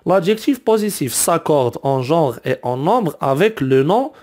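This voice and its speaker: A man gives a grammar lesson in a slightly high voice. He speaks very slowly and repeats each example again and again. He links his points with frequent fillers like "donc" and "alors". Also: big pitch swings, darkish tone. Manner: slow, repetitive explanations with many "donc" and "alors". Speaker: teacher.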